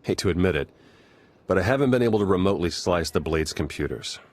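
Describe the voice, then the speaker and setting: Voicing a wry, easygoing male spy briefing his team in a video game, a man speaks fast in a deep, expressive voice. He sounds casual, matter-of-fact, and businesslike with a wry edge.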